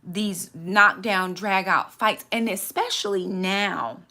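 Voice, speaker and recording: A woman's voice: mid-range voice, slow, bright, forceful tone. A woman in her forties hosting a candid, reflective faith talk, earnest and often repeating words as she gathers her thoughts. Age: 40s.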